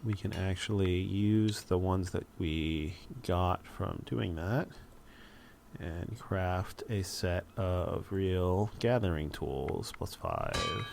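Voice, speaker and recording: A man with a deep, gravelly voice talks his way through a strategy game. He thinks aloud at a relaxed pace and drops dry, wry asides. A faint hiss sits under the recording. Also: slow. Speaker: let's play host. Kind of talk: casual gameplay commentary.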